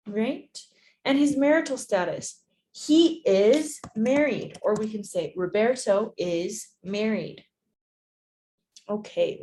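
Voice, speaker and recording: A woman's voice: on the high side, a little mellow, a little hiss or hum. A young woman teaching a beginner English lesson online, patient and repetitive, often checking with "right?". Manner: slow, patient, repeats phrases and checks with "right?". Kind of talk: distance-learning lesson.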